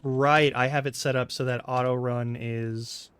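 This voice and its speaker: A man's voice: medium pitch, little pitch movement, unhurried, a bit bright, soft background music. A man casually chatting and swearing freely while streaming a game. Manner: rambling, frank, swears casually. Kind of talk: casual live-stream commentary.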